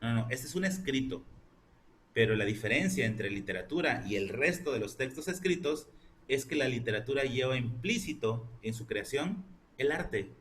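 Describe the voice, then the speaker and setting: A man's voice: medium pitch, expressive, normal speed, fairly bright tone, a little hiss or hum. A man teaching a literature class online, explaining step by step and asking his students rhetorical questions.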